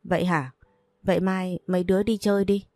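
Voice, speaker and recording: A kindly, plain-spoken middle-aged mother, as a woman narrator reads her. The voice is low-pitched for a woman, and the recording is close and dry. It has the even tone of a read-aloud story. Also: brisk, no room sound, natural voice. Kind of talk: audiobook narration.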